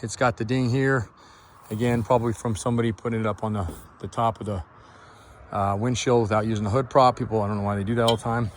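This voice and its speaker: Man, parts seller walkaround, rambling casual delivery, mid pitch, light outdoor noise. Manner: rambling, trailing off mid-sentence. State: winded. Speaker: used Jeep parts seller.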